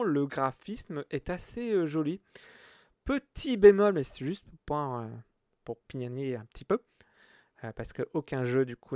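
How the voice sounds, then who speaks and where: A man's voice: on the high side, a little mellow, no room sound, studio quality. A man hosting a casual solo podcast, rambling with lots of hesitations. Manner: rambling, many hesitations and fillers. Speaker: podcast host.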